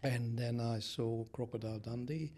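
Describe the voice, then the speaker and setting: A man in his sixties, originally from Hungary, speaking with a Hungarian accent as a guest engineer in a casual interview, measured and hesitant with frequent filler sounds. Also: mid-range voice, steady tone, mellow, a little hiss or hum.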